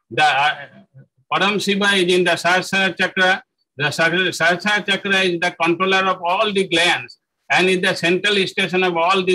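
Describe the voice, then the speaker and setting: A man with a high, bright voice gives a spoken lecture on spiritual practice. He halts often, fills gaps with "uh" and corrects himself mid-phrase. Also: rough recording. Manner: halting, with frequent fillers and self-corrections.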